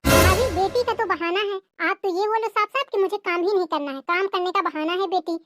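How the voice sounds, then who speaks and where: A woman's voice: very high-pitched, brisk, a bit bright, dry recording, clean studio sound, faint music behind. A woman voicing a scornful young adult sister-in-law in a cartoon family drama, taunting and nagging.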